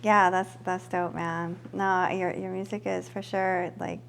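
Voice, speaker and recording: Host: woman with a lowish voice, affirming and encouraging, quick to laugh, faint noise behind. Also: level tone, creaky. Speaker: podcast host. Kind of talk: casual interview chat.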